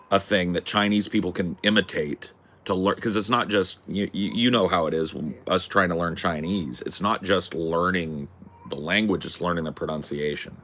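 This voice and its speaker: A host with a deep, distinctive, slightly bright voice rambles casually. He is opinionated and emphatic, and he swears freely.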